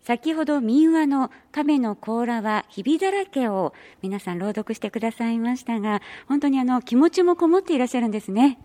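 A woman hosting a community radio program interviews club members in formal, very polite phrasing. Her voice is on the high side, animated and warm, brisk with few pauses.

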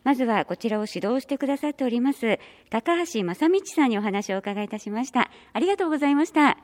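A woman's voice: fairly high pitch, lively intonation, fast, a little mellow. A woman hosting a community program, interviewing club members in formal, very polite phrasing. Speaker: radio host.

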